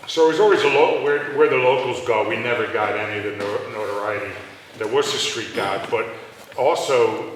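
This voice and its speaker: Speaking a little fast in a deep voice, this middle-aged man runs a restaurant and is being interviewed live on stage, where his stories wander, restart and break into laughter. Because his handheld mic failed, the sound comes from afar, echoing around the hall with a faint hiss.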